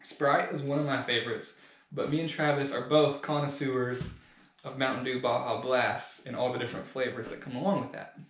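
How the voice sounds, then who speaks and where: A young man co-hosting a podcast in casual chat, with a mid-pitched voice. He sounds relaxed and conversational. The room around him is echoey. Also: normal speed. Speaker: podcast co-host.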